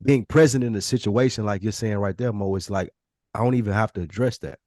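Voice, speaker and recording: Man, podcast co-host, plain pitch, blunt and emphatic, casual swearing, very dry close sound. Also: fast talker, dark tone, no room sound.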